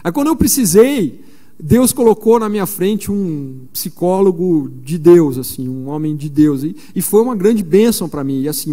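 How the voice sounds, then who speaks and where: This São Paulo preacher, a man in his forties, speaks at a missionary conference with a fairly high, warm voice. His sermon unfolds as chatty storytelling, and fillers turn up often. The sound bears the long echo of a large church hall.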